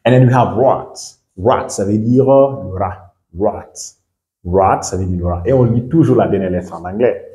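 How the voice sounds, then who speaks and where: A man from Guinea teaching a lesson, repeating each word slowly and often asking whether the listener understands. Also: on the low side, mellow, echoey room. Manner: repeats words slowly, checks understanding with questions. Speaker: English teacher. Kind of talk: bilingual classroom lesson.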